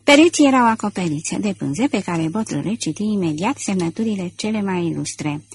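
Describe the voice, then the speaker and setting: O femeie care citește o carte audio cu un ritm așezat și măsurat. Vocea ei are un timbru ușor voalat, aproape șoptit pe alocuri. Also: female voice, medium pitch, slightly rough. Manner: steady, measured storytelling. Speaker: audiobook narrator. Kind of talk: scripted narration.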